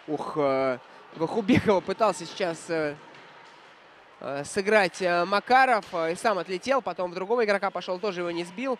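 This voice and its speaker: High-voiced man giving reflective hockey commentary. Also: brisk, fairly bright tone, a little hiss or hum. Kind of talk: live play-by-play commentary with analysis.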